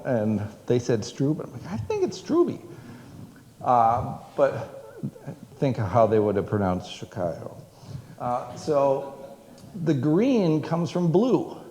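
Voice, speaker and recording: A man's voice: mid-range voice, expressive, slow, warm tone, slight background noise. A man, a museum director, giving a public history talk to an audience, rambling with many fillers and restarts. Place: museum event room. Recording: echoey hall with long reverb.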